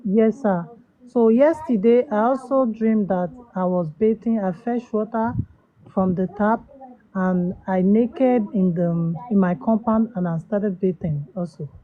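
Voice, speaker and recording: A woman's voice: mid-range voice, measured pace, dry recording. A woman speaking politely and hesitantly as a caller on a remote line. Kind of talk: hesitant, polite call-in conversation. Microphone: remote call, dry sound. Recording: dull, lo-fi call audio.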